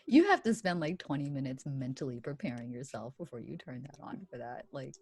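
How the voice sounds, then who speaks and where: A woman guest in casual chat, telling animated stories full of swearing. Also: extremely low pitch, a little hiss or hum. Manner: profane, animated storytelling. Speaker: podcast guest.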